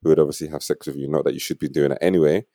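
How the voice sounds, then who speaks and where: A young man with a low, deep voice and a London roadman accent. He chats casually as a podcast host, using loose street slang. The sound is dry and close. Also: steady tone, racing, warm tone, no room sound. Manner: slangy, informal street talk.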